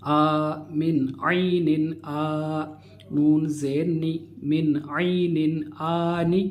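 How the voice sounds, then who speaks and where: A man teaching Quran reading. He spells out letters and vowels slowly, then explains the rules quickly. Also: a little high, darkish tone. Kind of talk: slow spelled-out recitation lesson.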